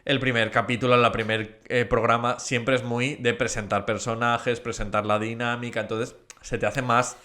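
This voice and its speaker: A man hosting a podcast in casual chat, growing animated when he gets enthusiastic. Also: mid-range voice, normal speed, few pauses. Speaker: podcast host.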